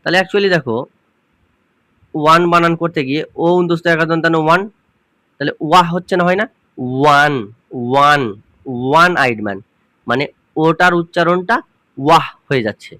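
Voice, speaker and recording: A man's voice: a little high, a little fast, pauses often, sharp tone, dry recording. A man teaching an English grammar lesson, patiently repeating rules and asking his students questions. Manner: patient, repeats points and asks the class questions; addresses viewers informally as students.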